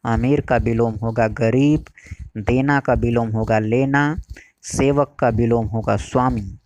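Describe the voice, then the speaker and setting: A man teaching a Hindi exam-prep lesson, explaining slowly and repeating key phrases. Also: medium pitch, fairly even intonation, darkish tone, no echo, highs cut off.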